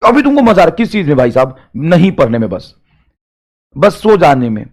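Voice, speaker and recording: A man's voice: on the high side, big pitch swings, a little fast. Emphatic man urging students on. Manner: emphatic, repeats phrases, swings between loud urging and quiet asides. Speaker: teacher giving a motivational talk. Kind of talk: motivational talk to exam students.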